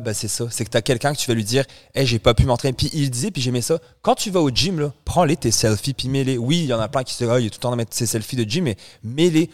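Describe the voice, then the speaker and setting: Man, 30s, France-born podcast co-host, mid pitch, loose and rambling with restarts. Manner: chatty, rambling, frequent restarts. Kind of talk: casual chat.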